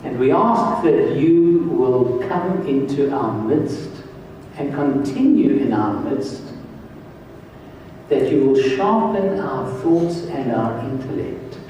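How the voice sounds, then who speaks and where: An older man from South Africa addressing a congress as a church health director, speaking slowly and earnestly. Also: medium pitch, animated, mellow, a little hiss or hum. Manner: slow, earnest, emphatic. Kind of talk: conference address and prayer. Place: large hall, on stage. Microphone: far camera, room mic. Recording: very echoey hall from far off.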